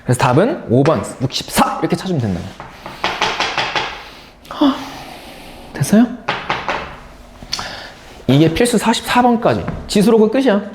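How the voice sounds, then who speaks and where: A man's voice: sits high, sing-song, moderate pace, long pauses, reverberant, noisy background. A man teaching a live math class, playful and drilling key terms by repeating them. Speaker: math instructor.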